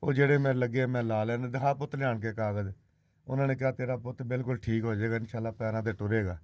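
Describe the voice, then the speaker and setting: A man's voice: mid-range voice, fairly even intonation, quick pace, a little mellow, no echo. A father explaining his child's treatment, rambling and quoting what others told him. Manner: rambling, recounts dialogue, brief assenting replies. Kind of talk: casual chat.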